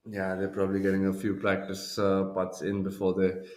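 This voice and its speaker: A man's voice: deep voice, monotone, moderate pace, echoey room. A man working as a golf commentator, hosting live tournament coverage from a studio. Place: broadcast studio.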